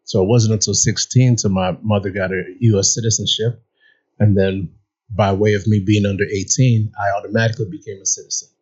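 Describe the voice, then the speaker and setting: A man born in Nigeria and raised in upstate New York speaks as an interview guest, his voice low and husky. He explains earnestly, and the recording is a bit dull. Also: little pitch movement, fairly quick, darkish tone. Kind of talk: casual interview.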